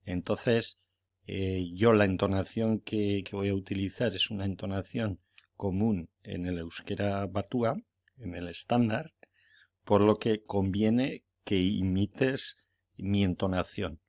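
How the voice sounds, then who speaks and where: A man's voice: on the low side, steady tone, slow pace, a little mellow. A man teaching a language lesson, patiently repeating each phrase twice and encouraging learners to say it with him. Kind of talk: slow, deliberate language lesson.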